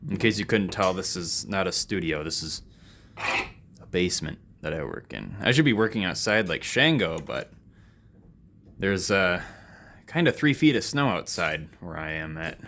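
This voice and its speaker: Low-voiced yet fairly bright, a man speaks at a moderate pace with big pitch swings. As host of an electronics repair vlog, he rambles through unscripted, hands-on commentary in a basement workspace, casually making fun of himself.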